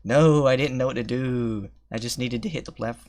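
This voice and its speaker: A young man streams a game and chats casually to himself, rambling, thinking aloud between attempts and teasing his own skill. His voice sits in the mid range with a darkish tone, at a normal pace.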